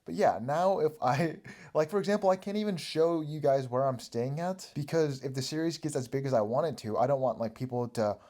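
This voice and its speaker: A man's voice: on the high side, a little fast, darkish tone. Chatty young man hosting a podcast. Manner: chatty, rambling, self-mocking. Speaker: podcast host. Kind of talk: casual solo podcast chat.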